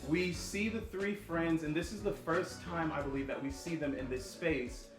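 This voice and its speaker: Guy hosting a podcast chat, slightly high voice, emphatic explainer, bit of music under him. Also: moderate pace. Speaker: host and writer of the series. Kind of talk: conversational podcast interview. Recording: roomy echo with music underneath.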